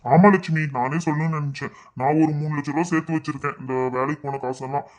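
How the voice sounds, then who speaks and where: Man doing a matter-of-fact village father, a bit lower than his other role. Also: steady tone, fast talker, close to an everyday voice. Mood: calm. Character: laboring village father, calm and steady.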